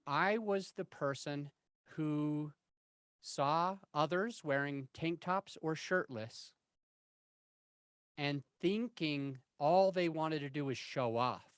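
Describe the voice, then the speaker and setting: A man's voice: on the high side, slow, smooth, no room sound. A man of forty-one telling candid, self-deprecating stories in a casual interview, rambling and restarting his sentences. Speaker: interview guest.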